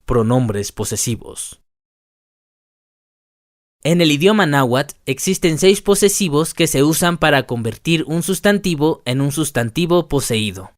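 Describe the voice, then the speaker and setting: A man narrating a scripted language lesson, reading word lists slowly and deliberately. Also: on the high side, animated, no room sound, studio quality. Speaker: language teacher.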